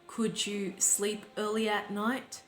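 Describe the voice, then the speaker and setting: Woman, life coach, unhurried and instructive, reverberant room, faint music bed. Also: mid-range voice, level tone. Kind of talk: reflective talk to camera. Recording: roomy sound with faint background music.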